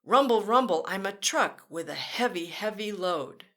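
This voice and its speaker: A woman with a medium-pitched, slightly bright voice reads to children at a storytime, addressing them directly. Her intonation is lively and her speed normal, her reading sing-song, with fun vehicle sound effects sprinkled in.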